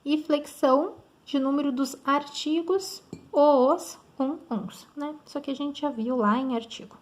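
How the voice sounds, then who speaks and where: A woman's voice: high voice, measured pace, a little mellow. A woman with a Brazilian Portuguese accent teaching grammar in an online lesson, explaining step by step and checking in often with her students.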